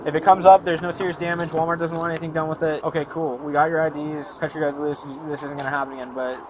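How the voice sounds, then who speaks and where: A man's voice: fairly high pitch, little pitch movement, quick pace, noisy background. A man speaking as a police officer, explaining and questioning in an informal, lecturing way on body camera audio outdoors. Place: outdoor parking lot at night. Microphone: body-worn camera.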